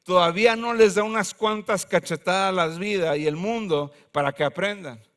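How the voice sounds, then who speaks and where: Man, pastor, chatty humorous sermon, high voice. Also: moderate pace, a bit bright. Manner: conversational preaching with humor and Mexican slang.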